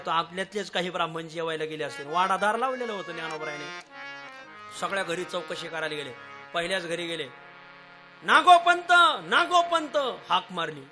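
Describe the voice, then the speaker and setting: High-voiced preacher telling a story. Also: male voice. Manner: animated, acts out voices of villagers, laughs often. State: slightly unwell, slow to pronounce words. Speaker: kirtan preacher. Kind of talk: devotional storytelling sermon. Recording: music behind the voice.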